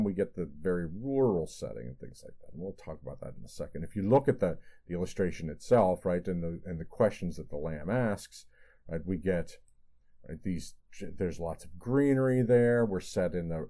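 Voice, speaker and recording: A man's voice: low voice, dark tone. A man giving a literature lecture in a conversational way, often checking in with "right?" and reading poems aloud. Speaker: literature teacher.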